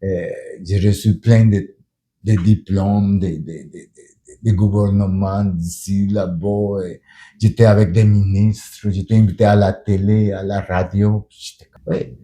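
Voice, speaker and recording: Middle-aged guy, french isn't his first language, deep low voice, really mellow dark tone, earnest storytelling with lots of restarts. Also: fairly even intonation, unhurried, slight background noise. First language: not French. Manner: earnest, with hesitant restarts and repeated words. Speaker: union leader and pastor. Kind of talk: documentary interview storytelling.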